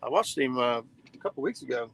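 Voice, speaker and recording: A man's voice: medium pitch, expressive, quick pace, gravelly, low-quality recording. A man in his forties hosting a fishing livestream from a boat, chatting casually and reading viewer comments. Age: 40s.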